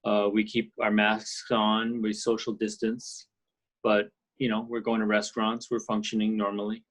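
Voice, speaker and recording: A man from Canada speaks in a fairly low, steady voice. He is middle-aged and a guest on a video-call interview. His talk is thoughtful and loose, full of fillers and restarts. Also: moderate pace. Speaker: guest, orchestral percussionist. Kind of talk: casual interview chat. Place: ski and golf resort, indoors.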